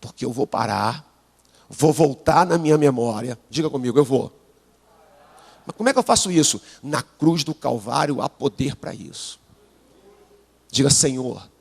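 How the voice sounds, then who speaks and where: A man preaching a sermon in a church with a Brazilian Portuguese accent, unwell but pushing on, calling on the congregation to repeat his words and rising from low asides to shouted peaks. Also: creaky, breathy edge. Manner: call-and-response preaching, prompting the congregation to repeat. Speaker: pastor. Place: church sanctuary. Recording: live church sound with long hall reverb.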